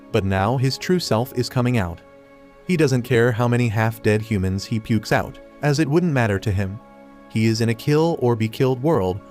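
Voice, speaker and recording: Man narrating an anime recap over music. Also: mid-range voice. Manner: steady plot-summary narration. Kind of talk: scripted narration.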